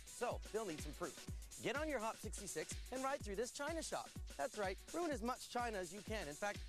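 A man delivering scripted comic instructions for a game show challenge. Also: high-pitched. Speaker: challenge presenter. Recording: music behind.

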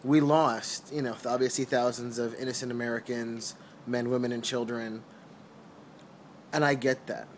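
A young man from New York City giving his earnest, halting opinions in a casual vlog, recorded on a phone held close while lying on a couch at home. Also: mid-range voice, steady tone, slight background noise. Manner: earnest, hesitant with many ums and restarts. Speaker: vlogger. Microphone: phone camera held close.

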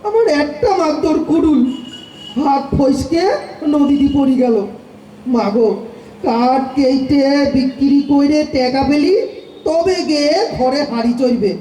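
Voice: high voice, unhurried, dark tone. Someone playing a wailing poor woodcutter. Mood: lamenting. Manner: rustic, wailing and lamenting. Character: poor male woodcutter, fretful and henpecked. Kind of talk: amateur radio play acting. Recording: echoey room with faint noise.

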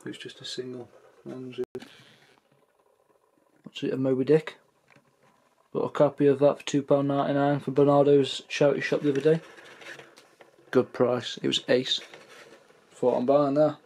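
A man's voice: medium pitch, level tone, normal speed, creaky, long pauses, darkish tone, slight background noise. A young man from England, talking casually to his camera in a rambling vlog rant. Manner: chatty, rambling, acts out drunk anecdotes in raised voices. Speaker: vlogger. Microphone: camera mic.

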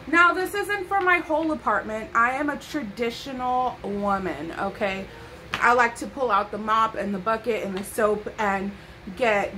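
Young woman vlogger, sassy and chatty; bright, pushed tone, faint room hiss. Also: fairly high pitch, rough recording. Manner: sassy, playful asides, chatty. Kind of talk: casual haul chat to camera. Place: bedroom.

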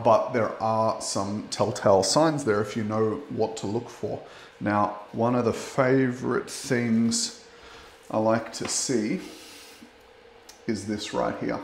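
Tradesman type, 30s, easygoing explainer, lowish voice, roomy echo from a bare bathroom. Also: a little hiss or hum. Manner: relaxed, explanatory, with fillers. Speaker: waterproofing expert. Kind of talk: on-site walkthrough explanation. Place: bathroom under renovation, indoors. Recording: echoey small tiled room.

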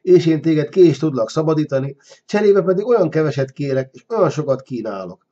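A man voicing a scheming, flattering deposed king who wheedles and bargains, on a dull lo-fi recording. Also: fairly high pitch, voice pushed up. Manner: wheedling, sly.

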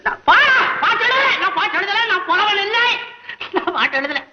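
An actor playing a poor, fretful temple poet who whines and grumbles to himself in a comic 1960s film scene. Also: male voice, very high-pitched, very animated, moderate pace, a little hiss or hum. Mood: whining lament. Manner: whiny, grumbling, talks to himself. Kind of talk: 1960s Tamil film comedy acting. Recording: muffled 1960s film soundtrack.

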